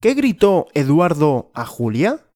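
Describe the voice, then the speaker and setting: A male language teacher telling a simple story, asking and answering his own questions slowly and clearly. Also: on the high side, sing-song, darkish tone, no room sound, clean studio sound.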